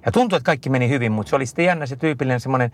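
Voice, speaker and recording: A middle-aged man answering an interviewer in casual conversation, telling long rambling stories full of fillers and restarts. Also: mid-range voice. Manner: rambling, lively storytelling with many fillers and restarts. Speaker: interview guest, endurance skier.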